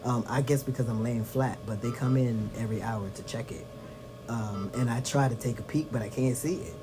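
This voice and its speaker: A man talking casually in a personal video diary, in a subdued, tired way that trails off softly. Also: medium pitch, a little fast, rough recording. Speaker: vlogger. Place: lying on back in a hospital bed. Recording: music behind the voice.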